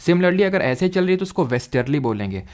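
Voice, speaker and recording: A young man teaching a geography lecture in casual mixed with terms, who asks quick questions and drills terms by repeating them. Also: fairly high pitch, very animated, a little mellow.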